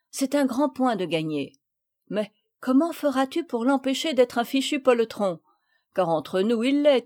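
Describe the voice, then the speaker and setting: A woman reading the part of a gentle older father, speaking calmly and kindly. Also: on the high side. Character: gentle older male father, naval officer.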